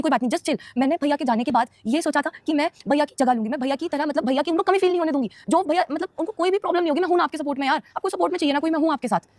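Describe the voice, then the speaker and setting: High and darkish in tone, her voice carries no echo. She's a young streamer answering questions live, firing back at viewers quickly, emotionally, and defensively.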